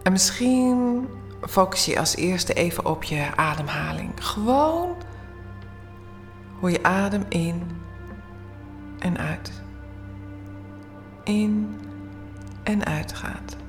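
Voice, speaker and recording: A woman leading a guided bedtime meditation in a soothing, hushed, often near-whispered voice with long pauses. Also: medium pitch, big pitch swings, faint music behind. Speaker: guided relaxation instructor.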